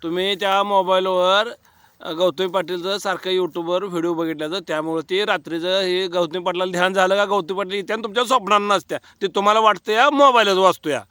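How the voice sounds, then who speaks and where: A man's voice: sits high, fairly even intonation, brisk, pushed and bright, clear, resonant tone, no room sound. A man playing a mobile shop man in a comedy phone sketch, teasing and mock-scolding the caller.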